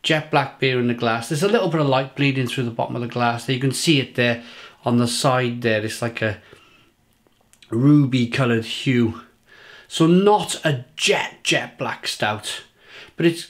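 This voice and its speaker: A medium-pitched Englishman in his forties reviews a beer to camera in his home kitchen. He's chatty and often repeats words while searching for the right ones.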